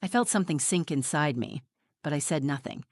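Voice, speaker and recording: A woman in her forties tells a scripted story in the first person, her delivery measured and reflective. Her voice sits fairly low. The sound is close and dry, with no room around it. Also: expressive, no room sound. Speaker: narrator.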